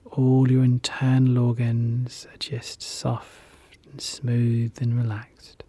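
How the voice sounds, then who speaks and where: A relaxation guide leading a guided hypnosis session in a soft, soothing whisper, repeating gentle calming phrases. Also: medium pitch, slow, breathy edge, no echo.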